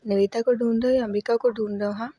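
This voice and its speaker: A woman's voice: fairly high pitch, fairly even intonation, rapid-fire, breathy edge, dry recording, muffled recording. Taunting young man, read by a woman, mocking and needling.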